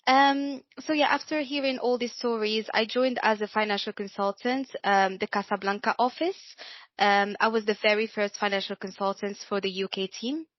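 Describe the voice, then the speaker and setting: Young woman raised in Morocco, English not her first language, relaxed hesitant interview guest, mid-pitched, muffled dry audio. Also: normal speed, no room sound. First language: not English; works in French and Arabic. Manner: hesitant, many fillers and restarts. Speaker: guest, financial consultant. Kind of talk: casual interview chat. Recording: dull, lo-fi, dry sound.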